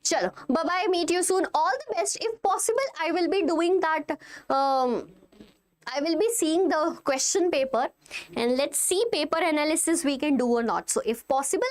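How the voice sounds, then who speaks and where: A woman with a North Indian accent teaching a live online revision class, emphatic and instructive, repeating key points to her students. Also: high voice. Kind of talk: live exam revision lesson, addressing students directly.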